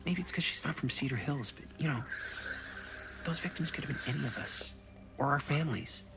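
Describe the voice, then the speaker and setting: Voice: medium pitch, animated, a little fast, creaky, noisy background. An actor playing an uneasy young local confiding in a friend in a video game, naturalistic.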